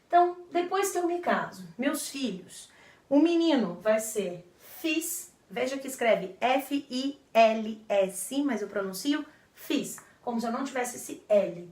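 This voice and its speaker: A woman's voice: fairly high pitch, lively intonation, a little slow, darkish tone, echoey room. Woman, teacher, patient explainer, repeats and checks in, mic a bit far off. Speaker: French teacher. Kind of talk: explaining vocabulary to viewers. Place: indoor room in front of a board.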